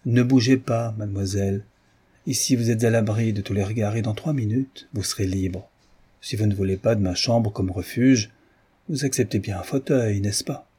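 A man voicing a playful, gallant gentleman adventurer in an audiobook, raising his voice with airy politeness. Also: lowish voice, normal speed, breathy edge.

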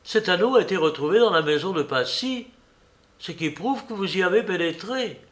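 Shrill, loud accusing woman figure, read by a man, high-strung exclamations. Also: fairly even intonation, a little slow. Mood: indignant.

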